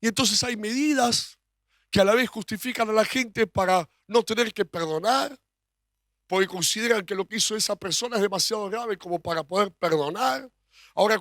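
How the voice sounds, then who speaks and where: A man's voice: high-pitched, fairly bright tone, dry recording, studio quality. A man with a Rioplatense Spanish accent, preaching a sermon as pastor, emphatic and full of rhetorical questions.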